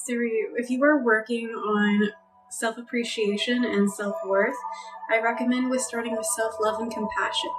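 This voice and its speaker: Woman, reiki live stream host, higher voice, gentle soothing chat, slightly off-mic, steady music behind. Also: moderate pace, recorded from a distance. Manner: soft-spoken, thanks viewers by name, gentle and soothing.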